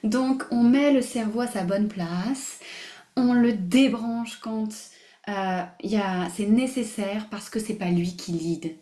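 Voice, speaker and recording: A woman hosting a live online masterclass, animated and emphatic, repeating phrases, mixing in English words and laughing often. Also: medium pitch, slow pace. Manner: mixes English words into her speech. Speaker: masterclass host. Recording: roomy echo.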